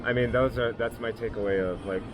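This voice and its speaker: A middle-aged man from the USA talking as a guest in a casual discussion, hesitant with many pauses and restarts. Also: medium pitch, fairly even intonation, music in the background, poor audio. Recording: outdoor traffic noise.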